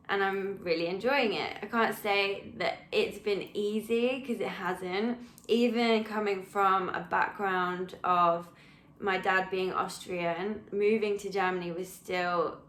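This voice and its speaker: A young woman with a London accent talks to camera in a loose, rambling way, full of ums and little asides. Her voice sits at an ordinary mid pitch. The room around her is noticeably echoey. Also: fairly bright tone. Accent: English, London. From England. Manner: chatty, rambling, with frequent ums and laughs. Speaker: personal trainer. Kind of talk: casual chat to camera.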